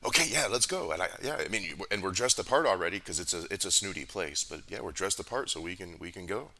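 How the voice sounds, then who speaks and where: Deep-voiced man running a game. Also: fast talker, slight background noise. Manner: relaxed, joking, full of restarts. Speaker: game master.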